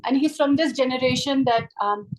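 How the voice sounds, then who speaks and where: Over a video call, a woman reviews a short story for a webinar book discussion in a chatty, animated way, often tacking on "right?" and "you know." Her voice sits high and moves fairly quickly, and the recording quality is low.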